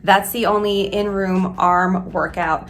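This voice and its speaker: A woman's voice: mid-range voice, steady tone, slow pace, slight background noise. A woman who works as a flight attendant, chatting candidly through her workout routine in a hotel room. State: out of breath at times. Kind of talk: casual workout vlog.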